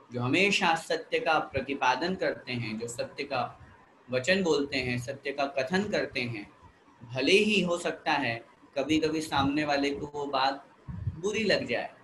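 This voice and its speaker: A man's voice: mid-range voice, slow, a bit bright, reverberant, a little hiss or hum, rough recording. A man giving a spiritual discourse to an audience, explaining by repeating phrases and asking rhetorical questions. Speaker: Jain religious teacher.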